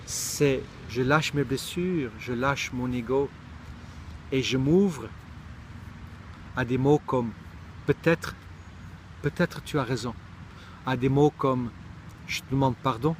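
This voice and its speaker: A man's voice: mid-range voice, takes it slowly, pauses often, slight background noise. Thoughtful middle-aged man, from Israel. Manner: thoughtful, searching for words, frequent restarts. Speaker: speaker sharing personal reflections. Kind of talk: reflective monologue.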